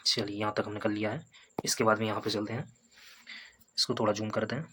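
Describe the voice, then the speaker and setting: A man teaching a Hindi grammar lesson for exam preparation. He repeats each point, sounds out vowels slowly as examples, and keeps checking in with "है ना" and "ठीक है". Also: lowish voice, fairly even intonation, background noise. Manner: repetitive, explains step by step with tags like "है ना" and "ठीक है".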